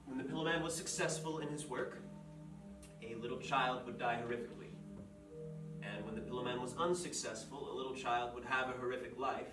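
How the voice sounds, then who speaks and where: A man plays a storyteller who spins a bleak fairy tale in a slow, deliberate voice. He is heard from far off on a roomy, echoing stage, with guitar music playing clearly behind him. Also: medium pitch, steady tone, natural voice. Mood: somber storytelling. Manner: measured, dark, deliberate storytelling. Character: grim storyteller telling a dark fairy tale. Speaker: actor playing Katurian.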